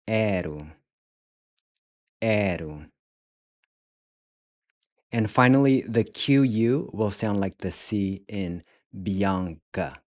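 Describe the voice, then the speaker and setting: A man teaching a beginner language lesson, speaking deliberately and repeating each word several times. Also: on the low side, a little mellow, no room sound, clean studio sound.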